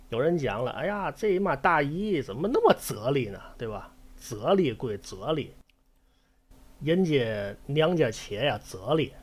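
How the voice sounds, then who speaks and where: A man's voice: mid-range voice, slightly rough. A man hosting a storytelling show, chatting in a folksy way and acting out quoted lines. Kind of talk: casual storytelling commentary.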